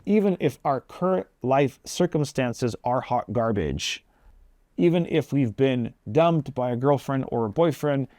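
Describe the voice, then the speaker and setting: A man's voice: mid-range voice, mellow, no echo, clean studio sound. A man hosting his own video, giving a casual, earnest devotional talk in plain everyday language. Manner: conversational, plain-spoken, earnest. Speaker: video host.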